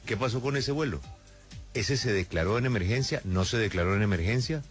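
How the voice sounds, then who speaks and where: A man's voice: lowish voice, lively intonation, fairly quick, soft background music. A man hosting a live radio news discussion, putting questions to colleagues.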